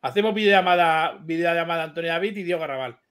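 A man co-hosting a live chat, talking fast and heatedly, swearing and repeating himself. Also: fairly high pitch, clear, resonant tone. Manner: rapid, excitable, swears a lot, repeats himself. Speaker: live stream co-host.

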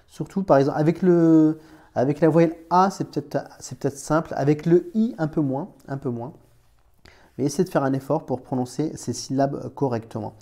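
A man's voice: fairly high pitch, moderate pace, dark tone. A man teaching Arabic letters in a chatty, informal way, talking straight to the learner with many restarts. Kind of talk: informal screen-recorded lesson.

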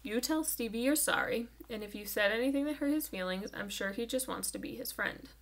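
A woman voices a reserved small-town preacher father in a storybook reading. He speaks softly and in a measured way, with a gravelly edge. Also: on the high side. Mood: gently firm.

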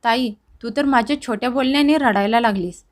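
A man's voice: extremely high pitch, fairly quick. A woman narrator voicing a remorseful grown son who talks earnestly and tearfully to his family. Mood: pleading.

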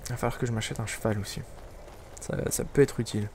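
A man with a gravelly, creaky voice talks his way through a video game in a loose, wry running commentary. He mutters little asides to himself as he plays, over a noticeably noisy background. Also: medium pitch, fairly even intonation, quick pace. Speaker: let's play gamer. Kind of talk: casual gameplay commentary.

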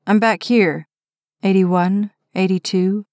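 A woman's voice: mid-range voice, fairly even intonation, takes it slowly, a little mellow, no echo, clean studio sound, close to an everyday voice. A woman reading the part of an injured young firefighter who talks in a timid, matter-of-fact way. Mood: plain. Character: injured young firefighter man, frustrated but gentle. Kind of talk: audiobook character reading.

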